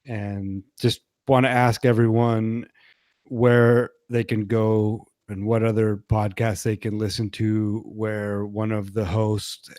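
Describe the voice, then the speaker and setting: A man co-hosting a podcast who talks in a relaxed, joking way and laughs easily. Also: fairly low pitch, slow, no room sound. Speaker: podcast co-host. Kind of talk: casual podcast chat.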